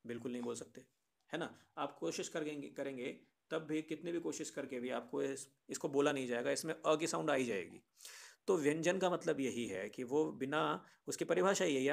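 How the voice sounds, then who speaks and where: A man's voice: a little high, fairly quick, gravelly. A man teaching a grammar lesson, patiently explaining to children and often asking rhetorical questions. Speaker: Sanskrit teacher.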